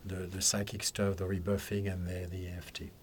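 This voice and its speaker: Older male guest in his 70s, from Algeria and France, low voice, rambling and laughing as he chats in a studio. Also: flat delivery, fairly quick, husky. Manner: chatty, rambling storyteller with frequent laughs. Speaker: guest, psychic counsellor. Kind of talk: casual interview chat. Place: podcast studio.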